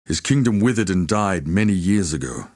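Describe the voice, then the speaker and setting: Haku, deep solemn warrior. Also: male voice, expressive, a little mellow, dry recording, clean studio sound. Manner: solemn, measured, formal storytelling delivery. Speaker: video game character. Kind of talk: dramatic scripted game dialogue.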